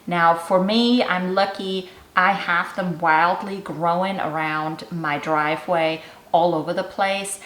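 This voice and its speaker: A middle-aged woman from Germany hosts her cooking channel, talking through a fermentation recipe in a chatty, instructive way. Her voice sits a little low for a woman. The sound is roomy, with a clear echo around her. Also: fairly even intonation, slow pace, few pauses, a bit bright. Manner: chatty and instructive, explaining step by step. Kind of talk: casual how-to vlog narration.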